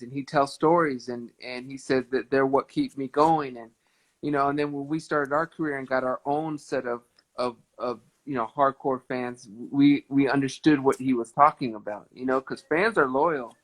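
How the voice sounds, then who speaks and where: A man in his thirties hosting a casual livestream chat with a fan, warm and often repeating words as he thinks. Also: medium pitch, poor audio. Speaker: livestream host. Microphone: phone on a live video stream.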